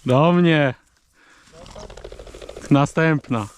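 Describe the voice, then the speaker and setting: A man's voice: a little high, extremely slow, a little hiss or hum. A man out hunting, calling short clipped commands to his dogs in the open fields. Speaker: hunter working his dogs. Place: outdoors in rural fields.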